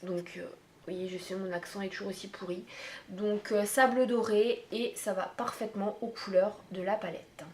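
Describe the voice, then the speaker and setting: A woman's voice: mid-range voice, fairly even intonation, normal speed, darkish tone, slight background noise. A woman beauty vlogger chatting casually and at length to her viewers, talking straight to them as she wanders from point to point. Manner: chatty, meandering, addresses viewers directly. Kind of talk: casual makeup tag vlog. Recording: roomy echo.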